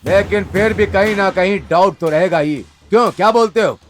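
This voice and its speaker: High-pitched scheming gangster man. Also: normal speed, soft background music, natural voice. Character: calculating gangster man, gang planner. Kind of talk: dubbed film dialogue.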